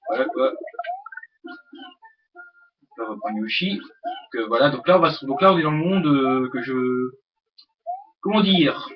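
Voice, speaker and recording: A young man hosting a let's play, rambling with many hesitations and swearing at the game. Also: mid-range voice. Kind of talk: casual gameplay commentary. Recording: dull lo-fi mic with game music.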